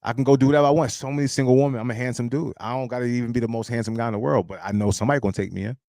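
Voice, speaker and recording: A man in his thirties talks straight to his live-stream audience with a gravelly, fry-laden voice, recorded close and dry. He is blunt and emphatic and swears freely, like a preacher of street-level life advice. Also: mid-range voice, fairly even intonation, very fast, dark tone, no room sound. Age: 30s.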